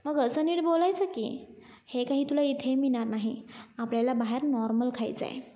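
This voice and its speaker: Give me a caring, bossy young man, voiced by a woman with a high, warm voice. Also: steady tone, moderate pace, highs cut off, natural voice. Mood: caring, firm. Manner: firm, teasing, instructing.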